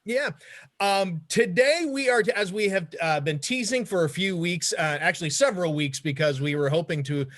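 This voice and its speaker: A man's voice: high-pitched, normal speed, fairly bright tone. A man co-hosting a podcast in casual chat, jokey and full of fillers and restarts. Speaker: podcast co-host.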